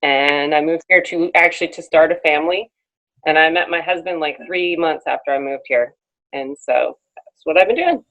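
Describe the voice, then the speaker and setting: This is a woman in her forties from Oklahoma with a slightly low voice. She talks plainly and conversationally. The recording sounds muffled and lo-fi. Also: normal speed, fairly bright tone. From Oklahoma, USA. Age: 40s.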